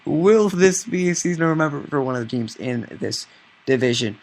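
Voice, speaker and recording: A man's voice: fairly high pitch, a little fast. A young man hosting a casual sports podcast, running through team predictions with puns and teasing. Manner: punning, lively, teasing. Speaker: podcast host.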